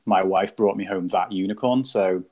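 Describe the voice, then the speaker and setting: A man with a fairly low voice talks as a guest on a live stream. He is relaxed and joking, and he drifts into rambling stories about his coaching life. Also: normal speed. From Liverpool, England. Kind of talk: casual live-stream chat.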